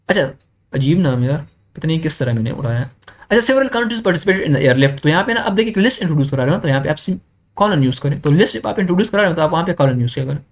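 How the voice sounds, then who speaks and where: A young man, teaching an exam-prep grammar lesson, who keeps checking in with students and reads English examples slowly. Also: on the high side.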